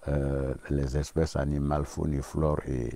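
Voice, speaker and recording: A man's voice: very deep voice, little pitch movement, unhurried, creaky, mellow, no room sound. A middle-aged man answering interview questions, hesitant with many fillers and restarts. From Ivory Coast. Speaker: park ranger and safari guide.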